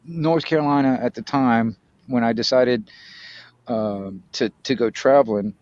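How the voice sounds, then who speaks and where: This middle-aged man from Florida, United States, chats casually, his storytelling rambling and hesitant, with slangy and mildly profane speech. His mid-range voice has a darkish tone and a slightly slow pace. There's no echo, though the audio is dull.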